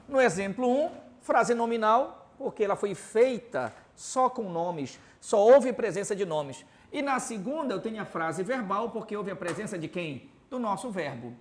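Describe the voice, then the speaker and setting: A man's voice: high voice, slight background noise. A man with a Belém accent teaching a Portuguese grammar lesson, constantly asking rhetorical questions and tagging lines with "tá?" as he writes examples on a board. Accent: Paraense (Belém). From Belém, Pará, Brazil.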